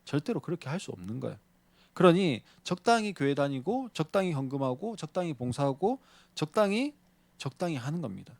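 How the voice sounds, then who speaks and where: A man preaches from the pulpit, his slightly high voice rising and falling in wide swings. He keeps asking the congregation questions and works a homely story into the sermon. The sound is close and dry, with little room. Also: a little fast, gravelly, dry recording. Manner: lively preaching, often poses questions to the congregation; tells a story to illustrate his point. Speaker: pastor.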